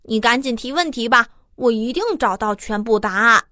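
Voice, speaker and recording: A woman's voice: on the high side, steady tone, moderate pace, pushed and bright, no room sound, studio quality. A woman voicing an eager, cheeky, confident child in a children's audio story. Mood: indignant, determined.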